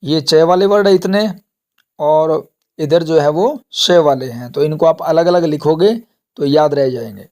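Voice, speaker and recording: Male teacher, slightly high voice, deliberate pace, drills words one by one and answers his own questions. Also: darkish tone. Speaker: English teacher. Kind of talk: classroom lesson on pronunciation.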